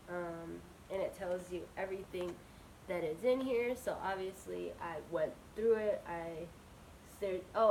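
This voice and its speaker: Slow-paced, gushing woman with a cold. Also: lowish voice, darkish tone, a little hiss or hum, poor audio. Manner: gushing, bubbly, drawn-out words. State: slightly sick, with a cold. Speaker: unboxing vlogger. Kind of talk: casual excited unboxing chat.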